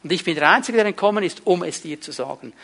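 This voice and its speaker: A middle-aged pastor preaches in a strikingly high, ringing voice that is also creaky, husky and a bit bright. Talking fast and expressively, he drives his points home and keeps putting rhetorical questions to the congregation.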